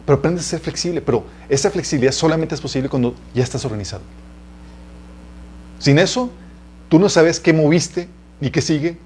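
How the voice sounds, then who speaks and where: A man's voice: medium pitch, a little mellow, a little hiss or hum. Chatty Mexican man preaching. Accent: Mexican Spanish. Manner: chatty, addresses listeners as "chicos", asks them questions; laughs at his own stories. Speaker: preacher teaching a church series. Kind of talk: conversational teaching sermon with personal stories.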